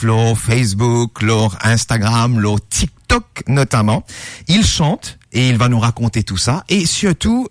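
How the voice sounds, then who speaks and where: A man hosting a live radio interview, animated and laughing often. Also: a little high, no room sound, studio quality. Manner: animated, laughs often, switches between French, Creole and English. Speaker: radio host.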